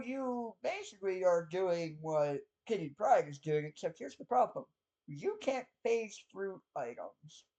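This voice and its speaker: A man's voice: high-pitched, warm tone, lo-fi sound. A man narrating a tabletop game as game master in a loose, conversational way with frequent fillers.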